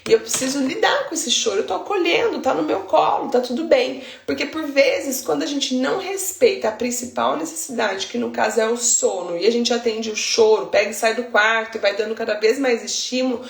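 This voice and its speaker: A woman's voice: on the high side, fairly quick, creaky, hardly any pauses, roomy sound. A Brazilian woman, a baby sleep consultant, explaining routines in a chatty way, often checking in with the listener. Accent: Brazilian Portuguese. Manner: chatty, explains with homely examples and frequent tag questions. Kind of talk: informal teaching monologue.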